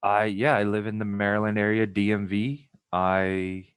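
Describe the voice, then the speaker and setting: Low-voiced young man chatting loosely. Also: moderate pace, smooth. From Pakistan. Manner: relaxed, rambling with many restarts. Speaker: podcast guest. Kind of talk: casual chat.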